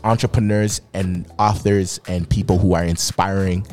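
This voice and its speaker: Upbeat low-pitched male podcast host. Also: flat delivery, moderate pace, darkish tone. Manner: upbeat, encouraging. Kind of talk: casual podcast interview chat.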